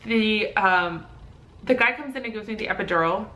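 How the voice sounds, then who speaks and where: Bright-voiced young woman telling a story. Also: medium pitch, normal speed. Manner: animated, acts out quoted voices, many fillers like "like". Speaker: vlogger and new mother. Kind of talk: casual storytelling.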